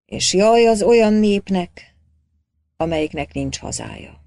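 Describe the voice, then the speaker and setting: A woman's voice: mid-range voice, expressive, no echo, clean studio sound, natural voice. A woman voicing an old male village priest, guilt-ridden and fervent, who pleads and cries out in anguish. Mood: anguished shouting. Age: older. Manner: pleading, then shouting in anguish.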